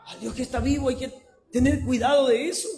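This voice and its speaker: High-pitched preacher shouting a sermon. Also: male voice, steady tone, fast, crowd noise. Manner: swings between shouted passionate preaching and low conversational asides.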